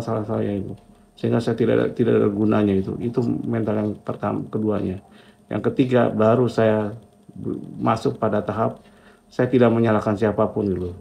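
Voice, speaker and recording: A middle-aged man shares his personal story as a motivational testimony. His voice is dark, mellow and full of gravelly fry. He speaks in short, reflective, repeated phrases. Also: fairly low pitch. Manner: reflective, talks in short repeated phrases with a filler at each line end. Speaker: entrepreneur telling his own story.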